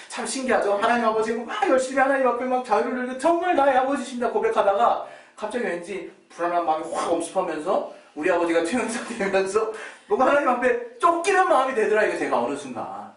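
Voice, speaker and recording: A male pastor giving a sermon in Korean-style storytelling, animated and often laughing as he acts out his memories. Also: high voice. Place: church. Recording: roomy church hall, distant mic.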